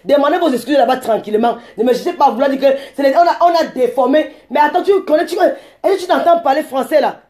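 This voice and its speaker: A woman, ranting combatively at commenters on a live stream, rambling and breaking into shouts. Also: high-pitched, quick pace, few pauses. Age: 40s.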